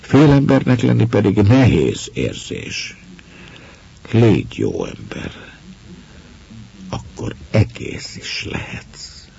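A man reading a calm, knowing woman. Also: on the low side, gravelly, long pauses, lo-fi sound, pitched above the performer's own voice, exaggerated voice. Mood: grave. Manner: teasing, then grave.

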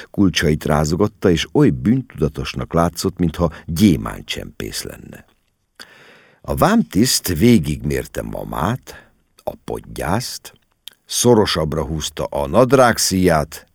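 A deep male voice telling a story with a lot of melodic movement. He reads the prose expressively, close and dry with no room sound. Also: gravelly, darkish tone, no room sound. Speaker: audiobook narrator. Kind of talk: scripted literary narration.

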